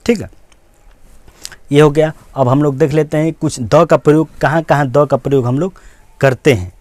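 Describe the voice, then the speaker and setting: A man's voice: medium pitch, a little mellow, no echo. A man teaching a grammar lesson, explaining patiently and repeating points with frequent check-ins to his students. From India. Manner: patient, repetitive explaining with many "theek hai" check-ins.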